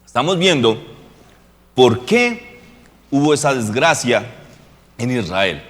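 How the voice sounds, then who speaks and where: Predicador con eco de templo. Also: male voice, mid-range voice, sing-song, slow, a bit bright, in a large hall. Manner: casual, joking preaching with rhetorical questions to the congregation. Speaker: pastor. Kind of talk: sermon. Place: church hall.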